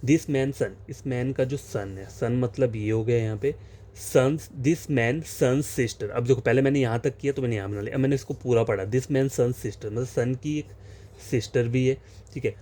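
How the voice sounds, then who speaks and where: Mellow-voiced male tutor. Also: medium pitch. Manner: explanatory, repeats phrases and fillers, slow reading of question text. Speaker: reasoning teacher. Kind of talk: exam-prep lesson, solving questions on a board.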